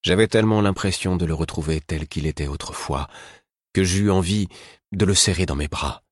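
Male audiobook reader, very deep voice, husky, dry close sound. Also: moderate pace, dry recording. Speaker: audiobook narrator. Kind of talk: scripted narration.

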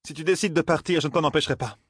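A man's voice: a little high, very fast, a bit bright, breathy edge, no room sound, clean studio sound, pitched above the performer's own voice. Give me a man playing an icy, authoritative sorceress in a lifted, cold voice. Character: cold, commanding woman sorceress.

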